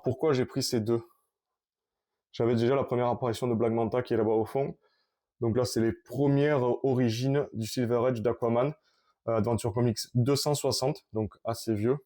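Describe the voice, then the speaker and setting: Man rambling about his collection, mellow voice. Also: mid-range voice. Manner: rambling, halting, with many restarts and fillers. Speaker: collector showing his comics. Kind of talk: casual collection vlog.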